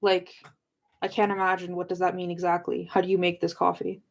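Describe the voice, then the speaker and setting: A young woman hosts a livestream book discussion, chatting casually and rambling with live viewers as she drifts between points. Her voice is lowish, monotone and creaky, and she speaks a little fast.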